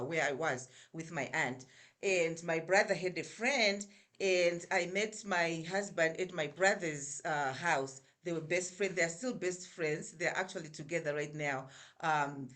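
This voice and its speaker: A woman's voice: on the low side, fairly bright tone. A middle-aged woman with a Zimbabwean accent, a guest telling her story in a casual interview over a remote call, full of fillers and restarts. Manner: chatty, with many fillers and restarts.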